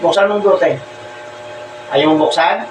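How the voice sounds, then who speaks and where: Speaking at a measured pace with a fairly high pitch, a man in the role of a folk healer interrogates someone during a healing ritual, asking the same short, demanding questions repeatedly. The sound is echoey and far off, with heavy ambient noise.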